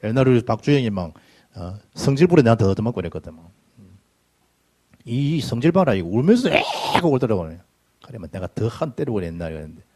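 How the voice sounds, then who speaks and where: A middle-aged pastor preaches in a church, sliding between loud bursts and low asides as his pitch rises and falls. His voice has a husky edge, and his storytelling is lively and full of dialect. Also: fast talker. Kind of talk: sermon with personal anecdotes. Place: church sanctuary.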